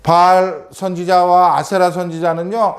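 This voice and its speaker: A man's voice: high-pitched, flat delivery, measured pace. A man giving a children's sermon, telling a story and constantly asking the children questions. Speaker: children's preacher.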